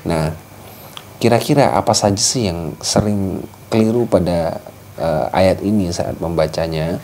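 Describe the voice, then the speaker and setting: A man with a low, mellow voice walks his listeners through recitation rules, patient and explanatory. Now and then he slows into drawn-out chanted examples. A faint hiss sits under the recording. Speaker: Quran recitation teacher. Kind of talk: tajwid lesson with recited examples.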